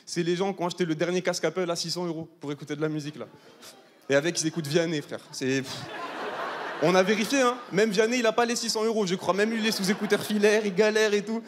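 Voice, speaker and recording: A man's voice: high voice, quick pace, a little hiss or hum. A young man in his twenties from southern France doing a brash, chatty stand-up set and teasing a large live audience. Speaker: stand-up comedian. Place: large live comedy hall, audience of 800. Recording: live hall with reverb and faint ambience.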